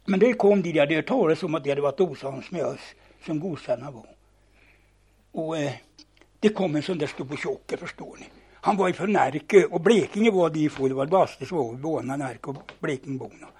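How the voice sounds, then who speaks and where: An older man telling lively anecdotes from his youth, acting out the dialogue and often stumbling and restarting words. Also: fairly high pitch, breathy edge. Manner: animated yarn-spinning, acting out dialogue, repeats and restarts words. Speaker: storyteller. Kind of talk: spoken reminiscence, telling old anecdotes.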